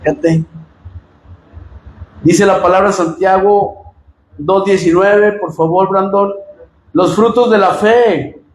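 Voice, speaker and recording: A Mexican pastor preaching a sermon, swinging from loud emphatic lines to low asides. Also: male voice, steady tone, takes it slowly, long pauses, echoey room, poor audio.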